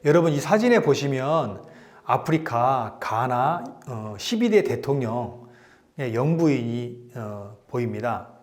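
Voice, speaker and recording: A man giving a lecture to elderly students, retelling a story with lively swings and frequent fillers. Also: mid-range voice, slow pace.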